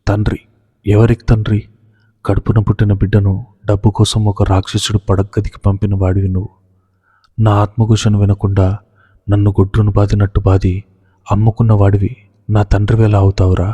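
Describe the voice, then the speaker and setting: A man's voice: fairly low pitch, little pitch movement, moderate pace, long pauses, dark tone, husky, dull audio. A man voicing a frightened young woman who fled a forced marriage, pleading through sobs. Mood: bitter accusing. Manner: sobbing, pleading. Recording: long hall reverb.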